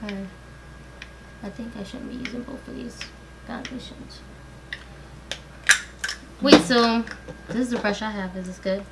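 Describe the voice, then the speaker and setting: A woman's voice: fairly high pitch, measured pace, long pauses, very noisy. A tipsy, giggly woman chatting casually as she does her makeup. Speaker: vlog guest in a makeup challenge. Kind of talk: casual chat while applying makeup.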